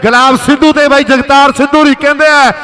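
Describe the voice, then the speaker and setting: A man with a Punjabi accent giving excited live kabaddi commentary, chanting names and cheers over and over. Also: very high-pitched, fast talker. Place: outdoor kabaddi ground. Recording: crowd noise around the commentary.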